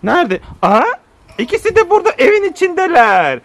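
A man filming a playful family vlog, teasing the kids and chatting to viewers in an animated way. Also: very high-pitched, fairly quick, a little hiss or hum. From Turkey. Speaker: family vlogger.

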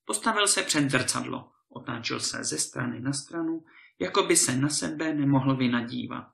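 A man narrating a fairy tale with animated expression. His voice is bright and gravelly, and it carries a roomy echo. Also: medium pitch. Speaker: storyteller.

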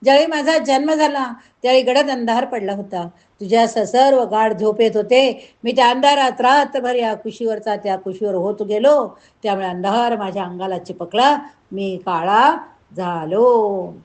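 A woman voicing the young boy god Krishna, calm and reassuring, in a devotional story reading. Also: on the high side, moderate pace, lightly acted. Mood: playful.

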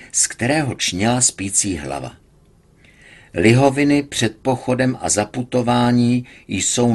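Low, husky male reader. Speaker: audiobook reader. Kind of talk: serialized book reading.

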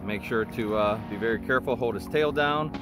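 A middle-aged man filming himself while fishing on a river shoreline, talking casually and bluntly, swearing freely, then calmly explaining to his viewers. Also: medium pitch, brisk. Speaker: angler and channel host. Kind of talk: casual outdoor vlog talk. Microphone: action camera worn on the body, then camera facing him. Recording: outdoor wind and water noise.

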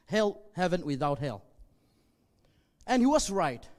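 A man in his forties, a native Zomi speaker, preaching on a church stage into a handheld mic. His voice sits a little high for a man, and he speaks in an earnest, measured way with frequent pauses. A long reverb trails each phrase through the hall. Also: sing-song, darkish tone. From northwest Burma. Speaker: pastor. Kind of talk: sermon.

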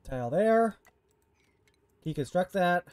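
A man's voice: high voice, lively intonation, slow pace, a little mellow. A man giving casual gameplay commentary, talking to himself and scolding his in-game characters, frantic and exasperated, now and then swearing. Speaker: gaming streamer.

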